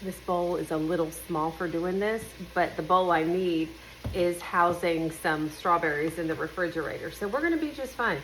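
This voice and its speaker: A woman's voice: on the low side, moderate pace, a bit bright, low-quality recording. Nasal woman, chatty and bubbly. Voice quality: nasal, congested. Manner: bubbly, folksy, talks to viewers. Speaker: home and cooking vlogger. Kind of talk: casual chatty cooking vlog. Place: home kitchen. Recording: kitchen noise, sizzling pan. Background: frying, sizzling, stirring.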